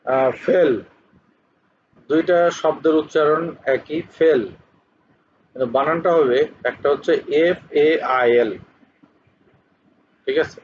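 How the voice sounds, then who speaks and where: Male tutor, fairly high voice, halting, spells words aloud, dull lo-fi sound. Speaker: English teacher. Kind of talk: spoken homonyms lesson. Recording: dull lo-fi recording with faint hiss.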